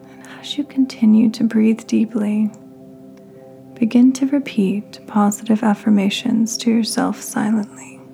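A woman hosting a podcast, leading a guided meditation in a soft, half-whispered, soothing voice. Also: on the high side, steady tone, unhurried, vocal fry, faint music behind. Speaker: podcast host.

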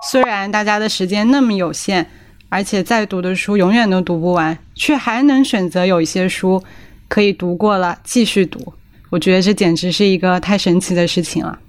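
A woman's voice: medium pitch, brisk. A female podcast co-host chats casually about reading. Her voice is mid-range. She talks in a playful, self-mocking way.

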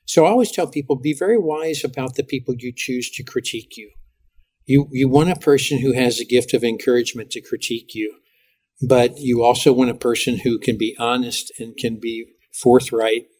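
A middle-aged man, a pastor, talking as a guest in a podcast interview and telling lively stories with frequent restarts. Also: mid-range voice, normal speed, slightly rough. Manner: animated storytelling with lots of restarts.

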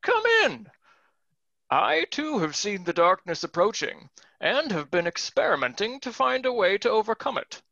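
A man's voice: high voice, big pitch swings, moderate pace, gravelly, sharp tone, no echo, lo-fi sound, heavily acted. A man playing a pompous, bumbling old alchemist with a grand manner. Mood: grandiose. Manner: grandiose, then deflating.

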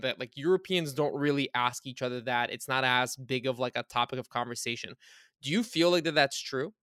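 A man's voice: medium pitch, fairly bright tone, smooth, dry recording, studio quality. A man from Bulgaria hosting a podcast interview over a video call, chatty and enthusiastic, asking long rambling questions. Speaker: podcast host. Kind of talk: casual interview chat.

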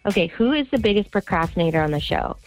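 A woman's voice: mid-range voice, lively intonation, quick pace, loud music behind the voice. A woman caller asks a plain question in a voicemail left over a landline phone.

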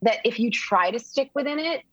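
A woman's voice: fairly high pitch, expressive, a little fast, a bit bright, slightly rough, dry recording. A woman co-hosting a podcast in casual conversation, earnest and rambling with lots of fillers. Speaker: podcast co-host. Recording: dry, dull lo-fi sound.

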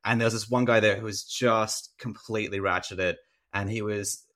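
Chatty man, animated. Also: on the low side, moderate pace. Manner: animated, rambling with many "like" fillers. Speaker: author guest. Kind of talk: casual interview chat.

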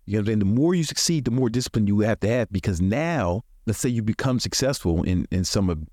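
Speaking quickly and expressively in a lowish, darkish voice, an American podcast host in his forties offers casual motivational talk. He's colloquial and profane and chuckles frequently; the clean studio sound has no room noise.

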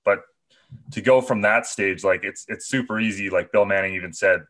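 A man talking casually about soccer on a podcast, full of "like" and quick laughs. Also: lowish voice, fairly bright tone. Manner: filler-heavy, laughs often. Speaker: podcast co-host. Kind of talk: casual sports chat.

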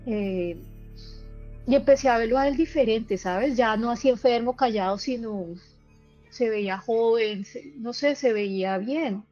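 A woman's voice: fairly high pitch, dark tone, dull audio, soft background music. A woman, telling personal experiences in a casual interview, earnest and emotional. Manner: earnest, emotional, halting storytelling. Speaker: guest sharing personal experiences.

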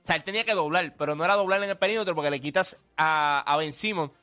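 A man in a casual sports chat, analytical and quick, stammering on restarts. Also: fairly high pitch, pushed and bright, faint music behind. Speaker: podcast co-host.

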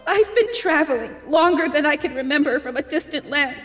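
An actress voicing a goddess in disguise as a humble young hairdresser, ingratiating and pleading in a podcast audio drama. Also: female voice, sits high, expressive, fairly quick, a bit bright, in a large hall.

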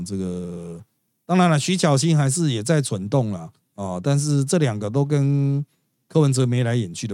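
A man's voice: medium pitch, a little mellow, no room sound. A man with a Taiwanese Mandarin accent hosting a podcast, giving chatty, gossipy, wry political commentary. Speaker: podcast host.

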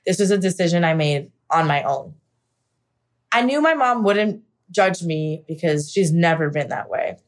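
This young woman from the US is an actor recounting her story in a personal interview monologue. Her lowish voice has lively intonation and a moderate pace. She comes across as candid and reflective, with many casual fillers.

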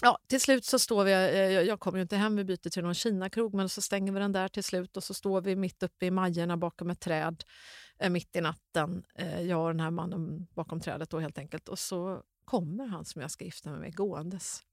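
A middle-aged woman, an author as interview guest, telling a personal story in a lively way, laughing often and acting out dialogue. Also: lowish voice, no echo, studio quality. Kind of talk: personal storytelling in a podcast chat.

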